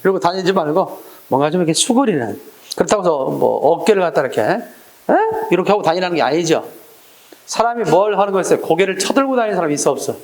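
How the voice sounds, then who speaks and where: Lively high-voiced male lecturer. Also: quick pace, reverberant. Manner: questioning, acts out little scenes with quoted voices. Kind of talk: exam-prep lecture. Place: lecture room.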